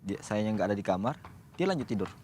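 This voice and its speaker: A low-voiced Indonesian man sits as a guest in a radio studio. He talks about his life plainly, with frequent restarts and searching pauses. A faint hiss runs behind his voice. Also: lively intonation, darkish tone. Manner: halting, restarts and searches for words. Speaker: radio guest, single father. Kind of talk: casual interview talk.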